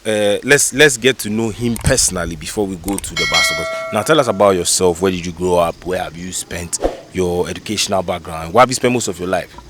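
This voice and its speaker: A man with a fairly low voice hosts a relaxed interview. He stacks several questions at once and keeps probing his guest. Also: a little fast, hardly any pauses, background noise. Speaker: interview host. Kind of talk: casual interview.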